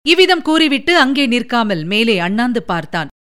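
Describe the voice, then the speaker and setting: A woman narrating a historical novel in steady, even storytelling. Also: a little high, normal speed, clean tone.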